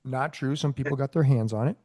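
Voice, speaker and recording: A man, a former police sergeant, co-hosting a casual chat and telling a story with laughter and loud quoted shouts. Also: mid-range voice, brisk.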